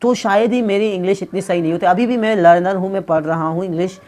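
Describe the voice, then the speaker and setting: Speaking quickly in a high, somewhat dark voice, this man runs a casual English pronunciation lesson on video. He pokes fun at his audience as he explains and sprinkles in English phrases.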